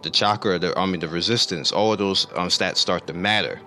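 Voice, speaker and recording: Gaming host, male, low voice with a bright edge; rambling, self-correcting walkthrough of menus, a bit hoarse; faint music behind. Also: brisk. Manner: rambling, self-correcting, explains while clicking through menus. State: losing his voice. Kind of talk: casual gameplay commentary.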